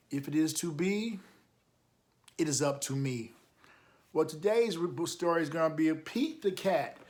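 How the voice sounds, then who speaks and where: His voice is on the high side with a darkish tone as this man, a storytime reader and coach, reads a picture book to kids. Along the way he drops in encouraging, emphatic asides and poses questions to the listeners.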